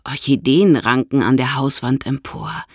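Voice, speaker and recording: Narrator: woman, low husky voice, slow expressive children's audiobook reading, dry close recording. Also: no room sound. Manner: expressive storytelling.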